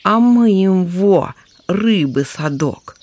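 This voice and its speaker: A storyteller voicing a clumsy young fox cub who yelps and squeals in high cries. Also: sing-song, unhurried, a little mellow, a little hiss or hum. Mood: boastful.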